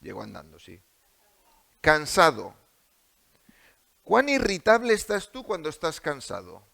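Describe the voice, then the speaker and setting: Spanish man preaching, lively and gravelly. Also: a little high, a little slow. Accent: Spain. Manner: asks the congregation many rhetorical questions. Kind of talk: sermon. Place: church.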